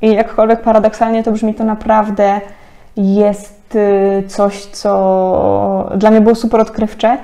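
Chatty woman with a mellow voice. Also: mid-range voice, flat delivery, takes it slowly. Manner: chatty, laughs often, many fillers. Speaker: tarot card reader. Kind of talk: casual spiritual card-reading talk.

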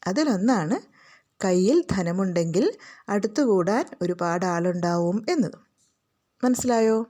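A woman's voice: mid-range voice, animated, unhurried, mellow. A woman teacher with a Malayali accent reads a school lesson aloud and explains it to children, asking them questions as she goes.

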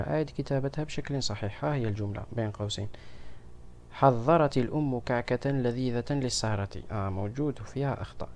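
A man's voice: medium pitch, mellow. A man, a primary school teacher, patiently going through a grammar exam with children and asking them questions.

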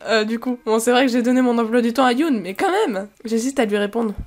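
Young woman, let's play commentary, excitable, fairly high voice, reads aloud. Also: quick pace. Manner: excitable, swearing, laughing asides. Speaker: gamer playing a dating game.

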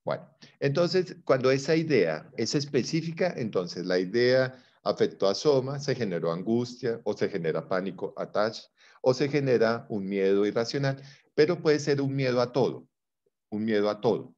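A man's voice: medium pitch, lively intonation, normal speed, darkish tone, lo-fi sound. A man teaching a psychology class, explaining with playful examples and teasing his students. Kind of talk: online class lecture.

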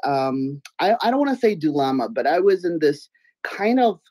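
A low-pitched, slightly nasal voice belongs to a giggly guest artist from Belarus, Russian being her first language, speaking at a moderate pace in a casual interview. She's expressive and at times loud. She's on a webcam video call from a room at home, and the recording is dry.

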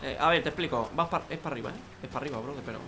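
A man's voice: medium pitch, rapid-fire. Joking young man over game noise. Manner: joking, crude, talks to himself and viewers. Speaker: gaming youtuber. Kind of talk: casual gameplay commentary.

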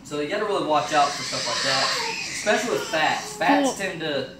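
A fitness cooking vlogger, young adult and male, has a sing-song voice on the high side and a brisk delivery. He casually thinks out loud during his meal prep at home, leaning on fillers. The indoor kitchen is echoey, and the distant stand-mounted camera mic yields a noisy recording.

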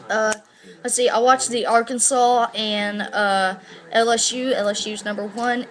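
A woman's voice: on the high side, fairly bright tone. An eighteen-year-old woman chatting casually and slangily to camera, rambling and swearing, on a laptop microphone. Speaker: vlogger. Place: living room at home, indoors. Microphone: laptop built-in microphone at arm's length.

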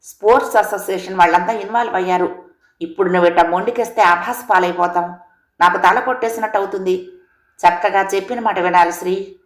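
A woman's voice: medium pitch, fairly even intonation, a little fast, lightly acted. A woman voicing an impatient, domineering middle-aged father in a storybook reading, scolding and demanding. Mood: insistent. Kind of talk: storybook character voice. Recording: roomy echo.

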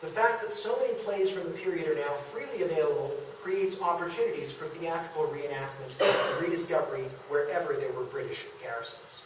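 A young man with a fairly high voice reads a scripted public talk on local theatre history from a podium in a historic house's meeting room. A distant camera microphone captures him in a very echoey space, with some hiss and noise beneath.

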